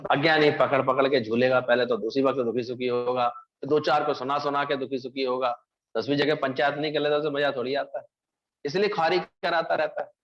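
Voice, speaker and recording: A spiritual teacher gives a Hindi satsang discourse in a mid-range, slightly bright male voice that sounds dull on the lo-fi recording. He preaches through stories, asking questions and answering them himself.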